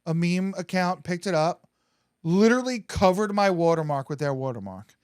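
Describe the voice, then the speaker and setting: A man guesting on a podcast, telling stories in a profane, animated way. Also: sits high, moderate pace, clean tone. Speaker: comedian guest. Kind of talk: casual podcast chat.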